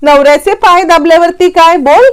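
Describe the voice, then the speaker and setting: A woman's voice: very high-pitched, fairly quick, voice pushed up. A woman retelling a TV serial voices a feisty young daughter-in-law who answers back sharply. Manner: sharp, teasing retorts.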